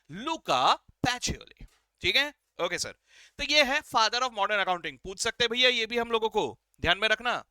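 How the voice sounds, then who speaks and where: Bright-voiced playful male accounting teacher. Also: high voice, smooth, no echo. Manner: playful, quizzes his viewers and answers for them; mixes English phrases into his Hindi. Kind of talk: classroom-style lecture.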